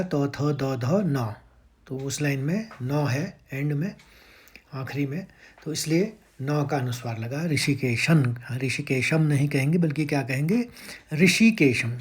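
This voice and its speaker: A man teaching how to recite verses, patiently breaking words into syllables and chanting each line slowly and drawn out. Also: a little high, slightly rough. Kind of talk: step-by-step chant lesson.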